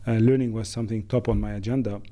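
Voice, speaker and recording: A middle-aged managing director from Lebanon answers interview questions thoughtfully but haltingly, using many fillers. His voice is on the low side and dark, with fairly even intonation.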